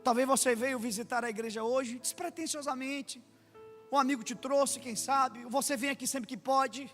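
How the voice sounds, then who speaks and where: A Brazilian man preaching a sermon as pastor, acting out stories and rising into impassioned shouts. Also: very high-pitched, steady tone, normal speed. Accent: Brazilian Portuguese. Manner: acts out dialogue in anecdotes. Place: church sanctuary. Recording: long church reverb, faint music.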